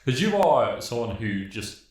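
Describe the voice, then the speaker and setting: A man's voice: medium pitch, very animated, unhurried, darkish tone, far from the mic. A man co-hosting a podcast who teases his friend with dry banter. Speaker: podcast co-host. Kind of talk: casual chat. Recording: very echoey room.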